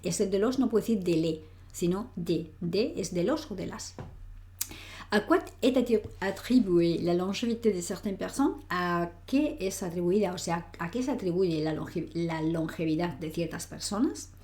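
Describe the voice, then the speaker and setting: A woman's voice: on the low side, lively intonation, measured pace, darkish tone. A woman teaching French grammar in Spanish, explaining patiently, reading French example sentences aloud and often checking in with the listener. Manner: patient, explanatory, frequent "¿vale?" check-ins. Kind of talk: online grammar lesson.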